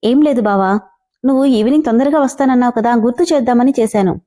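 A woman voicing a cheerful, playful young woman who pleads and gets excited. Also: a little high, fast, lightly acted.

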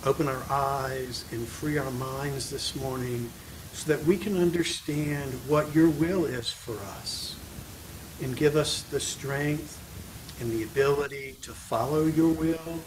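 A man leading a spoken prayer in church with measured, earnest petitions. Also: medium pitch, noisy background. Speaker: prayer leader.

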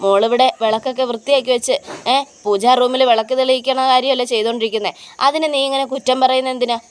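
Stern old grandmother scolding firmly, voiced by a woman, smooth clear tone, slightly high. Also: steady tone, fast talker, lightly acted. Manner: scolding, firm.

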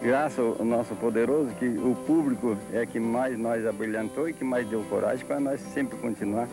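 A man's voice: medium pitch, normal speed, rough recording. A man in his fifties with a Brazilian accent, chatting casually in an interview on a handheld mic. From southern Brazil. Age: 50s. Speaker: rodeo founder being interviewed. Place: outdoors at rodeo arena at night. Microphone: handheld reporter microphone. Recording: music behind, old TV tape.

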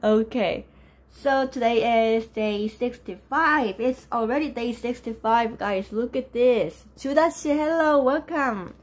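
A young woman hosts a live language class from her desk, pitched a little high but rough and low this morning because she just woke up. She keeps up a chatty running talk with the viewers, greeting them by name and laughing easily. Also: unhurried. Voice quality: lower, rough voice from just waking up. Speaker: Korean language teacher. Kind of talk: live-streamed lesson with chat.

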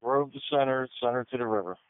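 Brief: male dispatcher on a tinny two-way emergency radio, smooth voice, clipped call-backs, dry signal. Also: medium pitch, quick pace, no room sound. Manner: clipped, repeats unit call numbers back. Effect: two-way emergency radio transmission.

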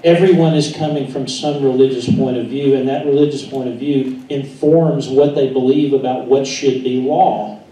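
A man with a Southern US accent, a pastor speaking at a meeting, halting and self-deprecating with many fillers. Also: medium pitch, fairly even intonation, dark tone. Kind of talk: speech at a meeting. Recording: echoey room, distant mic, faint noise.

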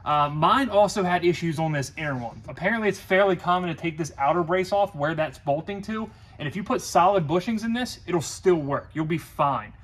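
A man's voice: a little high, expressive, fairly quick. Blunt, profane man in a garage. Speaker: shop mechanic and co-host. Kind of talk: casual shop banter. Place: car shop garage.

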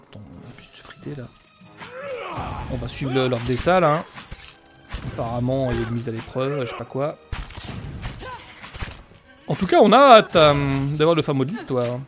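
Jokey gamer guy with a gravelly voice, pitch jumps all over, reading game text out. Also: expressive, normal speed, long pauses, faint music behind. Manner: joking, chatty, talks to the characters on screen. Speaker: let's play host. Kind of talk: casual gameplay commentary and reading game text aloud.

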